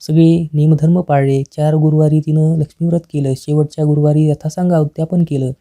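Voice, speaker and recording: Female storyteller, very dark mellow tone, flat steady delivery, devotional tale narration. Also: deep voice.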